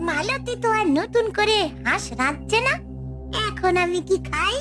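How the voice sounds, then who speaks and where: A woman's voice: extremely high pitch, expressive, measured pace. A woman voicing a sneaky, greedy female ghost in a cartoon story. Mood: hungry scheming. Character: hungry, sneaky female ghost who eats raw ducks. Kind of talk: Bengali animated ghost story. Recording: music under the voice.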